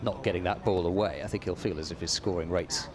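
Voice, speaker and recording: A man with a low voice speaks quickly over a crowd, calling radio cricket ball by ball. He hesitates and trips over repeated words, and his voice jumps sharply whenever a shot is played and the action builds.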